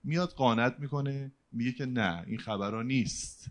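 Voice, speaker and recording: A middle-aged man from the audience asking a question in formal, deferential speech. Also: medium pitch. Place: hall with a stage.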